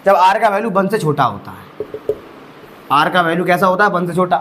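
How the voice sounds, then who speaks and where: A man's voice: high-pitched, animated, moderate pace, a bit bright, slight background noise. A young man teaching maths, walking students through each step with rhetorical questions and calling them bhai sahab. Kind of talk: exam-prep lecture.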